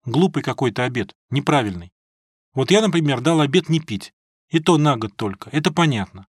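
A man's voice: medium pitch, lively intonation, fairly quick, breathy edge, dry recording, clean studio sound. A man reading an audiobook, voicing an earnest, naive young man who sounds puzzled.

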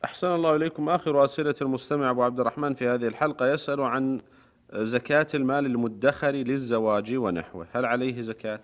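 A male radio presenter speaks formal Standard Arabic at a very rapid clip. He reads questions and announcements with deferential, scripted politeness. His voice sits at a middling pitch, and the recording is dull and lo-fi. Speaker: radio programme host. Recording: dull, band-limited radio broadcast.

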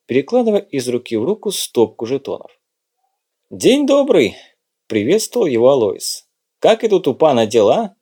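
A man narrating an audiobook in a steady, descriptive storytelling manner. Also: medium pitch.

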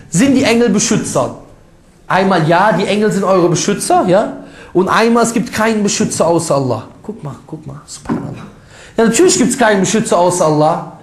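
A man preaching in a loose, conversational lecture, his voice sitting high for a man. He talks emphatically and colloquially, pressing his points with rhetorical questions and mocking asides. The sound carries a noticeable room echo. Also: expressive, brisk. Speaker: Islamic preacher. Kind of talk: informal religious lecture.

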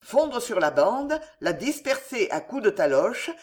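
A narrator reading a classic novel aloud in an expressive, measured way. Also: medium pitch. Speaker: audiobook narrator. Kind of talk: literary audiobook narration.

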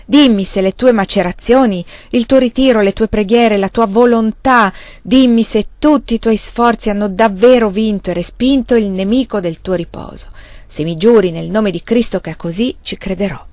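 A woman's voice: mid-range voice, moderate pace, a little mellow, dry recording, natural voice. A woman reading the lines of a cynical, tormented young man who presses with bitter irony, in a dry close recording.

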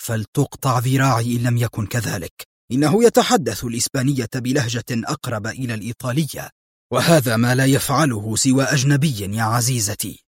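A hot-tempered male henchman argues insistently, read by a man. His voice is husky and recorded dry and close. It comes from an audiobook thriller. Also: medium pitch, animated, a little fast, dry recording. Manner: agitated, insistent. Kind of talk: audiobook narration.

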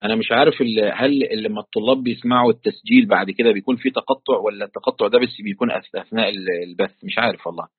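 A man's voice: lowish voice, racing, few pauses, breathy edge, no room sound. A man with an Egyptian accent who teaches a religious text online. He explains it in everyday colloquial speech, with examples from daily life. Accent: Egyptian Arabic. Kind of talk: online tafsir lesson. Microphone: computer call mic. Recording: tinny online call audio.

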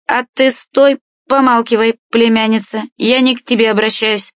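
A woman voicing a tipsy, aggressive, dark-haired middle-aged woman who talks rudely, in a dry, dull audiobook recording. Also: on the high side, steady tone, moderate pace, no echo, voice pushed up, close to an everyday voice. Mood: hostile. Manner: rude, hostile, shouting.

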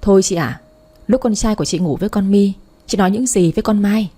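Storybook figure: stern, scolding middle-aged father, read by a woman in a soft, mellow voice. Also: mid-range voice, fast, breathy edge, lightly acted. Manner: scolding, accusing.

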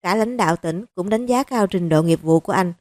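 Woman, audiobook narrator, steady storytelling, mellow warm tone, dry close recording. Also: on the low side, fairly quick, no room sound. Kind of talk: scripted novel narration.

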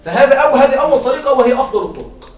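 High-voiced teacher in an echoey classroom. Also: male voice, animated, very fast. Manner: questioning students, repeats and restarts. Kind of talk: classroom grammar lesson. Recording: roomy classroom sound from far off.

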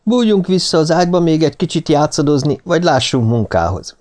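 A man's voice: a little high, very animated, a little mellow, voice pushed up. A man reading an audiobook, voicing a coarse middle-aged businessman with crude, drawling banter. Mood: leering.

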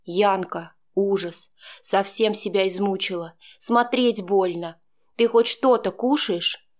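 A woman voicing a caring female friend who talks softly and comfortingly in an audiobook. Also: medium pitch, fairly even intonation, slow, natural voice. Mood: soothing. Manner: soft, soothing, half-whispered.

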